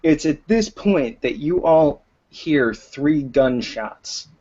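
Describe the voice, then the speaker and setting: A man's voice: on the high side, expressive, slow, a little mellow, slightly rough. A man narrating a tabletop game as game master, hesitant with many fillers, in a dull lo-fi recording.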